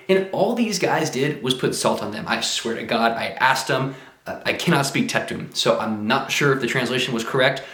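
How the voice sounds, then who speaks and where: An American travel vlogger with a mid-range, fairly bright voice talks to camera about his travels, eager and exclaiming often. His middling-register voice rings out in a roomy, echoey space.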